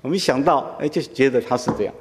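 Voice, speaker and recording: A man's voice: mid-range voice, quick pace, a little hiss or hum. A male pastor giving a sermon in a conversational teaching manner, often asking his listeners rhetorical questions. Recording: long hall reverb.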